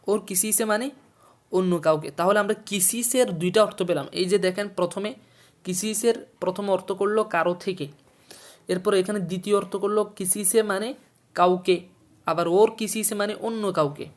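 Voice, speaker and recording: A man's voice: sits high, fairly even intonation. Patient male teacher repeating each word. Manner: explains slowly, repeats words and meanings, quizzes the listener. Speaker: Urdu teacher. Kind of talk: textbook lesson for a video series.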